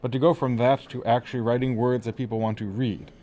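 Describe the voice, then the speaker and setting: A man's voice: mid-range voice, little pitch movement, fast, mellow. A man hosting a casual interview, teasing his guest and asking rambling questions. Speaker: interviewer host. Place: author venue room.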